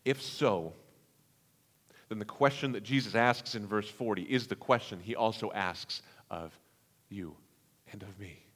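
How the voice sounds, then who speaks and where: A man preaching a sermon, with dramatic swings between hushed, slow passages and loud, emphatic ones. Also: fairly low pitch. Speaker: pastor. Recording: long hall reverb.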